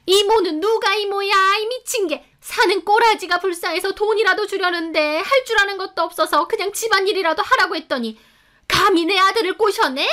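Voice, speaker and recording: A woman doing a shrill, scolding mother-in-law. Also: animated, unhurried, hardly any pauses. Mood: furious.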